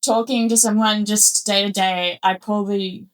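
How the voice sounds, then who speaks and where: Relaxed woman, off-mic. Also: medium pitch, normal speed, smooth, recorded from a distance, poor audio. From Australia. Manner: relaxed, trails off with fillers. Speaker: host. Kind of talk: casual chat.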